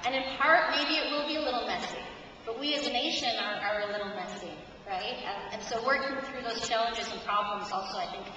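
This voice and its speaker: A woman's voice: fairly high pitch, fairly quick, pushed and bright, slight background noise. A woman speaking on a conference panel, answering thoughtfully with many restarts and fillers. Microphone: camcorder from the audience. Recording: echoey hall, far off, lo-fi camcorder.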